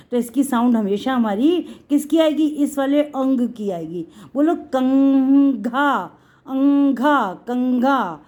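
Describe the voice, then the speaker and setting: A high-pitched woman gives a patient Hindi lesson to children. She stretches out her words as she explains each letter and warmly calls her pupils "beta". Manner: patient, drawn-out explaining, addresses students as beta. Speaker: Hindi teacher.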